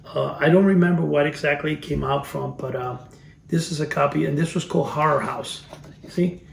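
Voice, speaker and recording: A Cuban-born collector in his fifties reviews vintage items in a cluttered storage room, chatting casually, rambling, restarting phrases, and chuckling at his memories. His fairly high, creaky voice is brisk with fairly even intonation. The sound is roomy and distant, with a little hiss or hum.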